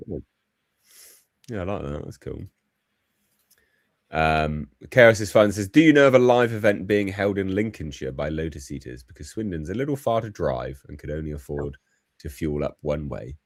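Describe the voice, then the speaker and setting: Brief: male co-host with an extremely deep, lively voice, laid-back, dry close sound. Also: normal speed, no echo. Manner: laid-back, laughs often, reads comments aloud. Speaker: podcast co-host reading viewer comments. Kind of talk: casual political chat.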